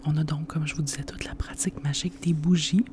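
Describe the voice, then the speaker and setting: An ASMR host with a Quebec French accent presents a book in a hushed, unvoiced library whisper, explaining things informally and without hurry. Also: medium pitch, steady tone, fast talker, background noise.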